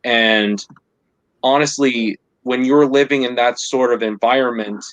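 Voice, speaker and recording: A man's voice: medium pitch, fairly even intonation, measured pace, fairly bright tone, dry recording, low-quality recording. A man co-hosting a casual discussion, repeating phrases for emphasis. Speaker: podcast co-host.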